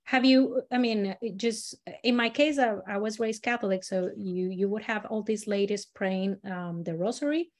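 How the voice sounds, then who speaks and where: A woman from Latin America leading a storytelling workshop, explaining exercises in an animated, demonstrative way. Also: moderate pace, hardly any pauses. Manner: animated, demonstrative, swings pitch and loudness while modeling voices. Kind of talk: teaching a live workshop.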